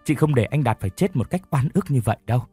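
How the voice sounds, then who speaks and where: A man's voice: mid-range voice, lively intonation, quick pace, dark tone, husky, dry recording, faint music behind. A man voicing a remorseful, tearful young woman who speaks in a pleading, shaky way. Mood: resolute.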